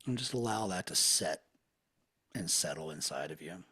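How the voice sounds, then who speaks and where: A man leading a guided hypnosis session in a slow, soothing, hushed manner. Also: low-pitched, animated, husky.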